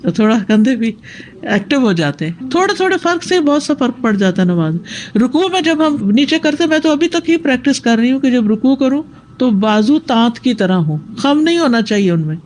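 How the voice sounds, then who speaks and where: A woman's voice: a little high, very animated, a little mellow, a little hiss or hum. A woman teacher giving a religious lesson on prayer, explaining and showing postures as she goes. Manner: explanatory, demonstrating with gestures.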